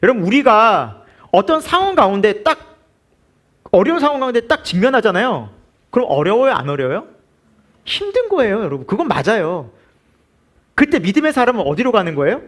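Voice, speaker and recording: A man's voice: high-pitched, sing-song, fairly quick, long pauses, fairly bright tone. A male pastor preaching a midweek sermon, asking the congregation questions and answering them himself. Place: church.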